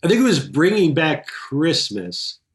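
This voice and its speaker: A man's voice: on the high side, wildly swooping pitch, a little slow. A man, a film editor, chatting casually in an interview and telling anecdotes with quoted dialogue. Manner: enthusiastic storyteller, quotes people in his anecdotes. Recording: echoey room.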